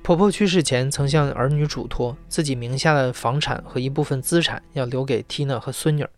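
A man's voice: medium pitch, brisk, soft background music. Man reading host narration. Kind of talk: scripted narration.

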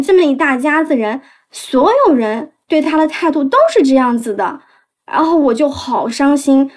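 A young woman telling a painful personal story, halting and emotional with many restarts. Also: high-pitched.

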